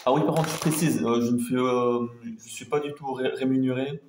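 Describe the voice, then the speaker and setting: A man's voice: medium pitch, steady tone, fairly quick. Male food vlogger, hesitant and repetitive, informal chat to camera, recorded in an echoey room. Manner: hesitant, rambling, repeating himself. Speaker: food taste-test vlogger. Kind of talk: casual chat to viewers. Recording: roomy echo, faint background noise.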